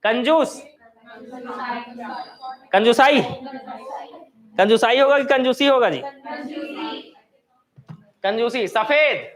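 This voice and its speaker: Quizzing students on word forms in an online coaching class, a man with a very high-pitched voice reads out words one at a time, asks for answers, and fixes mistakes. He speaks slowly with lively intonation and frequent pauses.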